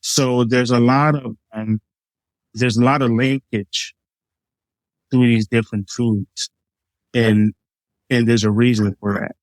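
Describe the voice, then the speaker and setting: A middle-aged Liberian chef, the guest in a casual interview, talks slowly and pauses often in a mid-range, steady voice. He's easygoing, illustrating his food with many examples and fillers. The audio is poor, though free of echo.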